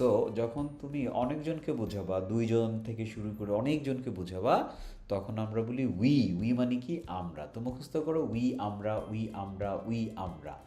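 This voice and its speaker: A man's voice: medium pitch, a little mellow, echoey room. A Bangladeshi man teaching children English in an online lesson, patient, asking questions and having them repeat words.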